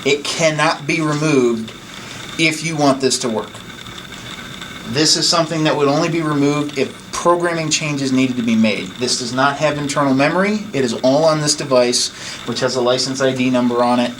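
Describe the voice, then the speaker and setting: Indoors at an equipment station, a technician gives staff an informal, hands-on training demonstration, explaining each step plainly. His voice is medium-pitched at a moderate pace, and the room is noisy, with background noise clearly audible.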